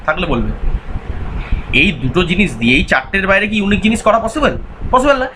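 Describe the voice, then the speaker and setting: A man's voice: sits high, brisk, background noise. A man teaching an exam-prep math lecture, repeating each point and quizzing his students. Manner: repetitive, quizzing, voices imagined student answers.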